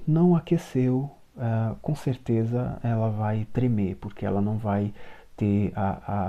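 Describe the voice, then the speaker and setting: A middle-aged man from Brazil, a singing teacher and choir conductor, giving a calm, encouraging spoken voice lesson to his students and explaining things step by step. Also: fairly low pitch.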